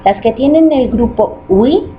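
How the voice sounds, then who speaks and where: A woman reading a grammar lesson aloud in an even, explanatory way. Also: a little high, measured pace. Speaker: student presenter. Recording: muffled lo-fi recording with faint noise.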